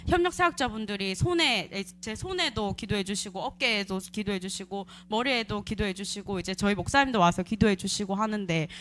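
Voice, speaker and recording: A young adult woman sharing a personal testimony at a church service, telling her story in an animated way with lots of fillers. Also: medium pitch. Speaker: church member giving testimony.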